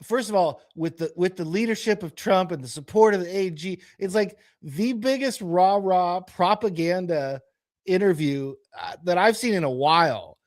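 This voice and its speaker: A man's voice: sits high, moderate pace. A man co-hosting a podcast, casually reacting to clips with amused, egging-on remarks. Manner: amused, egging on, laughing along. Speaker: podcast co-host.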